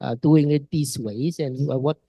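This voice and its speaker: A man moderating a forum, laying out the session plan in a halting way full of fillers. His voice sits a little high but sounds mellow and soft-edged, recorded close and dry. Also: steady tone, breathy edge, dry recording, muffled recording. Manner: hesitant, many fillers. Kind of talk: panel introduction.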